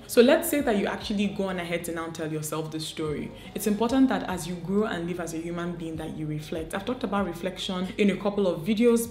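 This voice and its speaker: Earnest woman coaching, low voice. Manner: earnest, coaching, asks many rhetorical questions. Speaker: beauty and lifestyle vlogger. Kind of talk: motivational talk to camera. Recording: echoey room.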